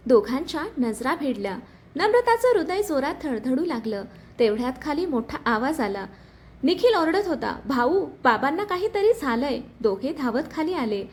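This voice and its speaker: A woman's voice: high voice, normal speed. A woman telling a dramatic story in scripted narration. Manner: dramatic, expressive reading.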